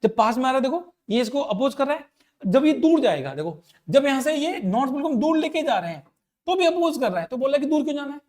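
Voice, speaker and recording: A male physics teacher giving an explanatory lecture. He repeats key points and checks understanding with quick questions. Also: extremely high pitch, very animated, a little mellow.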